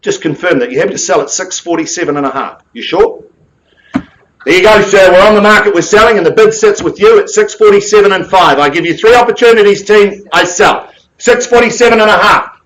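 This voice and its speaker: Working a room full of bidders, this booming-voiced New Zealand man auctions property live, firing off bids in a fast, rhythmic patter with quips. His tone is a bit bright. The audio is poor, with slight background noise.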